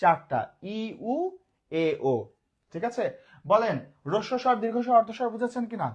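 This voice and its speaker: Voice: mid-range voice, expressive, moderate pace, slightly rough. A grammar teacher, giving a live online lesson, who often asks the class a question and answers it, repeating key points.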